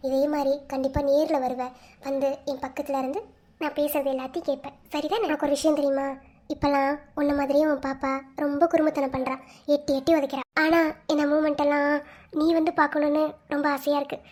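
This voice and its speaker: A woman voicing a young pregnant wife who speaks softly and pleadingly to her absent husband, and later scolds possessively, in an amateur cartoon story. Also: high voice, little pitch movement, quick pace, close to an everyday voice. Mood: tender, sorrowful.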